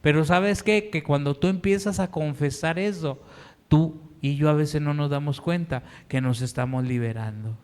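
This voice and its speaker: A man's voice: fairly high pitch, a little mellow, clear, resonant tone. A man with a Mexican Spanish accent, a pastor preaching a sermon in an earnest, pleading way in a church. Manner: earnest, pleading, slow deliberate delivery. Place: church sanctuary. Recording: long hall reverb.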